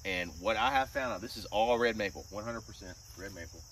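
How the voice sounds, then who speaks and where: Male, low register, speaking from the side of his mouth; casual work vlog, distant noisy outdoor mic. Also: a little fast. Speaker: vlogger. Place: outdoor woodyard under pines.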